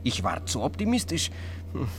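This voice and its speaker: An actor playing a brooding, calculating inventor in a radio crime drama, speaking formally. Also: male voice, medium pitch, wildly swooping pitch, normal speed, a little hiss or hum. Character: brooding male inventor of a dubious slimming powder. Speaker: client and product developer.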